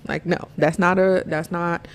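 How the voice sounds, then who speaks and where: A woman's voice: on the low side, steady tone, moderate pace, clean tone. A woman hosting a podcast in a casual, earnest chat, slightly out of breath and laughing often. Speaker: podcast host. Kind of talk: casual faith-based chat.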